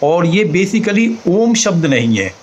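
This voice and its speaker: A man teaching slowly, pausing to demonstrate each sound aloud. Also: high voice, very animated, slight background noise, poor audio. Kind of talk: explanatory talk on chanting.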